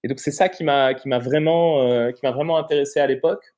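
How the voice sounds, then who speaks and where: A man in his thirties from Morocco, a guest in a casual interview, explaining things in a halting way with frequent pauses. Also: medium pitch, darkish tone.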